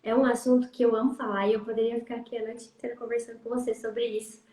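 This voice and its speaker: A woman's voice: on the high side, level tone, fast talker, mellow. Chatty woman host in a roomy echo. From Brazil. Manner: chatty, reads out viewer questions. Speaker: livestream host. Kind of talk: casual chat. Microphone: video call.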